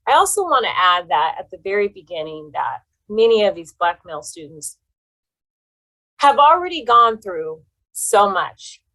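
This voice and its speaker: A woman presenting and moderating at an online conference, speaking in a steady, conversational way. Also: mid-range voice, normal speed, poor audio.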